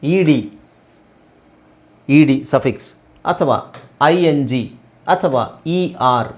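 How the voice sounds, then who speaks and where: A man's voice: medium pitch, very slow, a little mellow. A man from Karnataka teaching English spelling rules in a spoken lesson, spelling words out letter by letter and asking rhetorical questions. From Karnataka, India.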